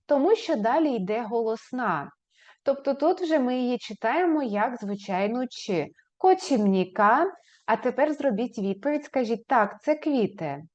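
Lively, animated woman teaching a language. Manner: slow, drawn-out model phrases, rising pitch on questions. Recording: slightly dull, lo-fi recording.

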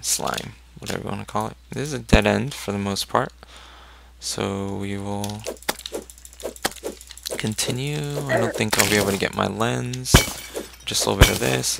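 A man's voice: lowish voice, gravelly. A man casually commenting on his own gameplay, thinking aloud and cheering on his character. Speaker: let's play gamer. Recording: noisy home recording with keyboard clicks. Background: loud keyboard clicks and typing.

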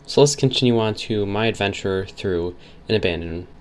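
A man's voice: on the low side, moderate pace, clear, resonant tone, low-quality recording. A man talking casually as he walks through a big, empty store, rambling and easily amazed, with lots of fillers. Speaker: vlogger. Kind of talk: casual walkthrough narration. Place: large empty store, indoors. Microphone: handheld phone. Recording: phone recording with loud background noise.

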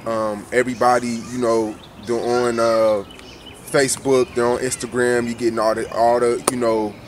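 A man's voice: medium pitch, level tone, moderate pace, noisy background. Off-camera man asking probing questions. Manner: probing, repeats words when starting questions. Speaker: interviewer. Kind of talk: casual interview questions. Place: outdoors off camera.

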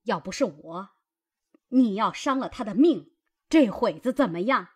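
A man's voice: high voice, animated, unhurried, a little mellow, breathy edge, voice pushed up, exaggerated voice. A man voicing a stern, commanding old grandmother who scolds her grandson. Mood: scolding.

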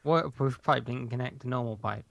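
A man's voice: medium pitch, fairly quick, gravelly, a bit bright, dry recording. A man chatting casually as he co-hosts a gaming video, playful, silly and teasing. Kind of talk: casual chat while playing Minecraft.

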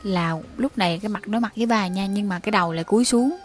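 A woman's voice: mid-range voice, quick pace. A young woman casually retelling listeners' ghost stories, chatting directly to her audience and acting out the quoted lines. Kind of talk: casual spoken storytelling.

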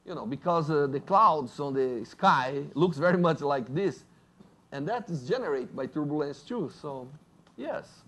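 A man with a Brazilian Portuguese accent, a native Portuguese speaker, giving a lively university physics lecture and joking with the audience. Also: a little high, measured pace. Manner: lively, jokes with audience, asks "right?".

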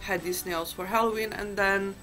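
A woman's voice: medium pitch, steady tone, normal speed, bright, forceful tone, soft background music, poor audio. A woman chatting casually to camera as a beauty vlogger, in a groggy just-woken-up morning voice and a chatty, self-deprecating way.

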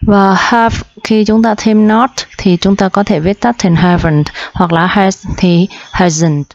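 A woman explains grammar in a slow, patient lesson, repeating each point for her viewers. Her voice sits at a middle pitch and is recorded close with no room sound. The sound is muffled and lo-fi. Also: a little mellow, dry recording. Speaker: English grammar teacher. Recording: dull lo-fi dry sound.

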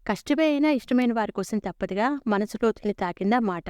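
A woman narrating a humorous story in the first person with wry, expressive delivery. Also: fairly high pitch, a little fast, no room sound, studio quality.

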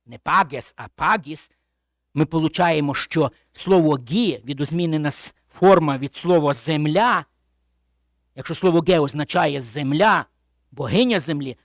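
A man's voice: dry recording, studio quality. Emphatic male pastor preaching a sermon. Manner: emphatic, drops to hushed low tones at phrase ends; repeats and restates phrases while explaining.

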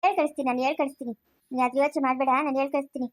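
An actress with a rural Chikkaballapur Kannada accent plays a kind neighbor gently comforting a new mother who is crying. Her natural, high voice comes out rapid-fire with fairly even intonation, and her mood is reassuring.

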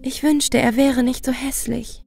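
A woman's voice: high voice, fairly even intonation, measured pace, gravelly, over music. A woman playing a kind, earnest young daughter in a German fairy tale, speaking politely. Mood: wistful. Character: kind, dutiful young beauty, a loving daughter.

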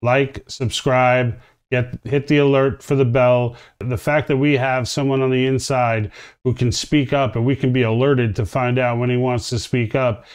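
A man's voice: medium pitch, level tone, moderate pace, smooth. Earnest man hosting political commentary. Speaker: commentary show host. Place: home studio, indoors.

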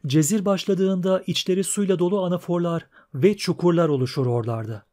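A man reading the part of a learned young female poet, explaining things in an even, plain manner. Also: sits high, fairly quick, close to an everyday voice. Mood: patient.

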